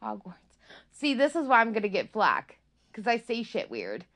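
A woman chats casually as a guest, giggly and quick to poke fun at herself. Her pitch swoops up and down in a very animated way. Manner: giggly, self-deprecating. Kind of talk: casual chat.

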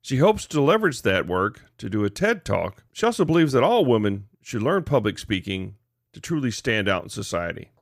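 A man's voice: fairly low pitch, big pitch swings, moderate pace, vocal fry. A man hosting his podcast, rambling and joking, often restarting his sentences. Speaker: podcast host. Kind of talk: casual interview conversation.

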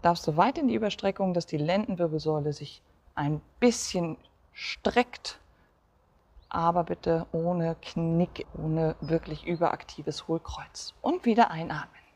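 Woman coaching a gentle exercise session. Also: lowish voice, measured pace. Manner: calm coaching cues, counting reps. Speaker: fascia movement coach. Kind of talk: guided exercise instruction.

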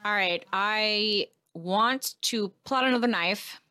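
A woman's voice: mid-range voice, takes it slowly, sharp tone, no echo, studio quality. A woman chatting casually as a player in a tabletop game, thinking aloud and asking questions in a tentative way.

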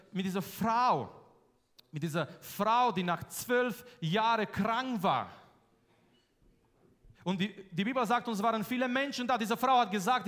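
Male preacher with a high voice and an emphatic, repetitive delivery, in a church hall with long reverb. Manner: emphatic, repeats key phrases, swings between loud and soft. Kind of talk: sermon.

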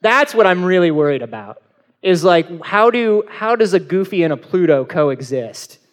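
A man's voice: high-pitched, big pitch swings, normal speed. A man hosting a live podcast panel at a convention, rambling and jokey with plenty of filler. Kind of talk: casual comedic banter.

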